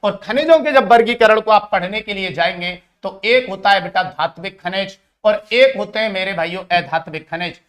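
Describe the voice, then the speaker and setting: A man's voice: high voice, moderate pace, hardly any pauses, fairly bright tone. A man teaching an exam-prep lesson who calls his students brothers and asks and answers his own questions.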